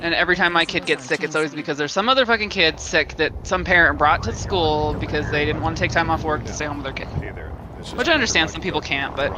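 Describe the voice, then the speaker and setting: A woman's voice: low-pitched, quick pace, music in the background, low-quality recording. An American woman in casual chat, candid, rambling and freely swearing.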